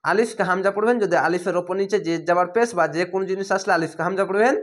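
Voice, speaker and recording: Bengali-accented male Quran teacher, patient drawn-out syllable-by-syllable delivery. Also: high voice. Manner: slow, syllable by syllable, drawn-out vowels. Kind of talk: slow spelled-out recitation lesson.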